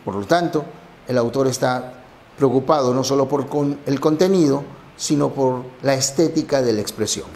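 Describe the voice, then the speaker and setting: A man's voice: medium pitch, normal speed, darkish tone, slight background noise. A man teaching a language lesson, explaining exam answers step by step.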